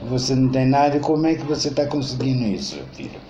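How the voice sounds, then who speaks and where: A man's voice: mid-range voice, expressive, fast talker, mellow, slight background noise, lightly acted. A man voicing a worried but indulgent mother who questions her son in a slightly raised, pleading tone. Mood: questioning. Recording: dull roomy recording.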